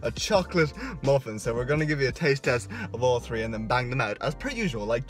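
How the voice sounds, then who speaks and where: With a mid-range, expressive voice and a brisk delivery, a young Irish man in his twenties exclaims and laughs between bites during a food challenge. The fitness vlogger holds the camera at arm's length, shooting in a parked car and a home kitchen, while music runs in the background.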